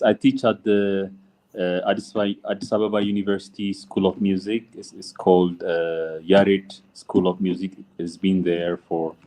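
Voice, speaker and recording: Middle-aged man, very deep voice, warm dark tone, halting speech with many fillers, video call chat. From Ethiopia. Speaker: musician and music teacher. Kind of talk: casual interview chat.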